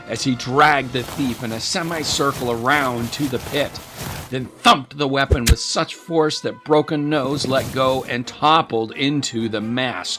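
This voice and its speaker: Over a music bed, a man with a medium-pitched voice delivers dramatic scripted narration for an audio drama, telling the story in a measured, descriptive manner.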